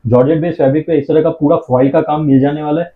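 A man showing fabrics in a shop, giving a steady sales pitch and repeating his phrases. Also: fast talker. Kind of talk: showing products on camera. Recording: tinny phone-like sound.

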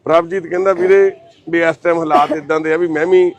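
A Punjabi man with a slightly high voice talks in a gentle, reassuring way. He mixes devout invocations into his steady address to viewers. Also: brisk, a crowd in the background. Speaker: social worker speaking to camera. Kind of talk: consoling talk and direct address to viewers.

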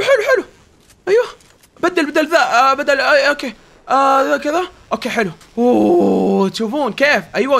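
Young man, very high voice, fast talker, gameplay commentary, yelling then muttering. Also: gravelly. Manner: yelling and pleading in tense moments, muttering when calm. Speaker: gaming YouTuber.

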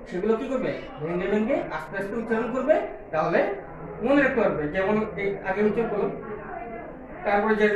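High-voiced Bengali teacher spelling words aloud. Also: male voice. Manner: spells words out letter by letter and asks "ঠিক আছে?" after each. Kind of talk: slow, drilled English lesson for small children. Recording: echoey room, far from the mic, noisy crowd behind.

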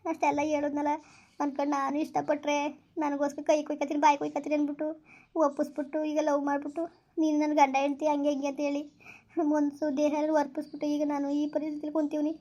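A woman's voice: high-pitched, completely flat delivery, quick pace, mellow, dull audio. A woman playing a desperate young woman who pleads tearfully and keeps repeating herself in a village comedy skit. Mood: hurt, accusing. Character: desperate young woman betrayed by her lover.

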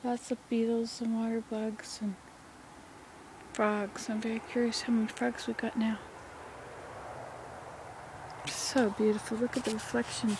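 An older woman paddling a kayak on a small pond outdoors, talking softly and half-whispering to viewers in a relaxed nature vlog, recorded on a handheld camera at arm's length. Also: fairly high pitch, normal speed, noisy background. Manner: soft, musing, talks to the viewer while paddling. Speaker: vlogger. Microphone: handheld phone camera at arm's length.

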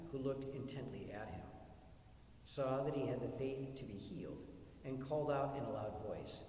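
Man, priest, solemn measured recitation, mellow tone, roomy distant church sound. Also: mid-range voice, a little hiss or hum. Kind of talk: liturgical reading and prayer at Mass.

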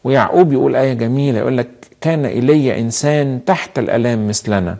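Egyptian male pastor, middle-aged, mellow and gravelly, emphatic repeating sermon delivery. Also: medium pitch. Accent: Egyptian Arabic. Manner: preaching with slow emphatic repetitions.

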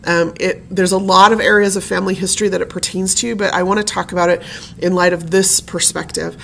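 A woman's voice: lowish voice, fairly even intonation, fairly quick, gravelly, fairly bright tone, slight background noise. A woman giving a conversational presentation on family history, chatty and personal, with frequent fillers.

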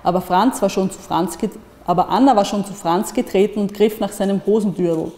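A woman giving a calm, measured literary reading aloud at a public screening. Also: medium pitch. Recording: echoey hall with long reverb.

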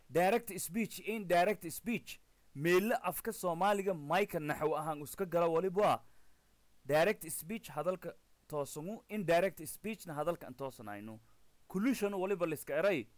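A man with a Maay Somali accent teaching an English lesson. He reads the text aloud, then explains each word slowly and spells some of them out letter by letter. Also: fairly high pitch, expressive, no room sound. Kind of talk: recorded language lesson explaining and translating a text.

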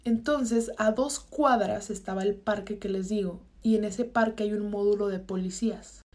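A young adult woman, telling a storytime in a lively, slangy way and swearing freely. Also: medium pitch, moderate pace. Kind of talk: casual storytime narration.

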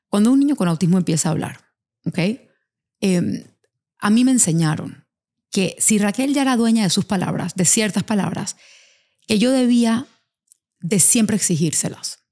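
A woman's voice: mid-range voice, lively intonation, moderate pace, pauses often, mellow. A woman hosting a podcast, telling stories animatedly and acting out the voices of people she quotes. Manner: tells anecdotes animatedly, acts out quoted voices. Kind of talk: casual podcast conversation.

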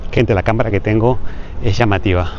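A man's voice: fairly low pitch, fairly quick, a little mellow, highs cut off, a little hiss or hum. A man narrating a walking-tour vlog outdoors, chatty and repeating himself as he talks to viewers. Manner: chatty, repeats phrases, addresses viewers as "gente". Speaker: travel vlogger. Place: outdoors on busy city streets. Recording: street crowd and music behind.

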